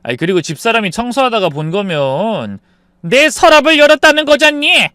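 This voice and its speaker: Guy playing an angry old mom-in-law, high voice shooting up and down. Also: very animated, a little fast, sharp tone, clean tone, dry recording, studio quality, exaggerated voice. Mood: outraged. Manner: shrill protesting outbursts. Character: indignant older mother-in-law, sharp and wounded.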